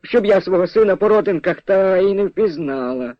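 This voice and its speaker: A man's voice: high voice, moderate pace, no echo, voice pushed up, lightly acted. A man voicing a stubborn old peasant widow who scolds and refuses to believe, in a dull, dry radio recording. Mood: scolding. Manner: scolding, disbelieving, sharp-tongued.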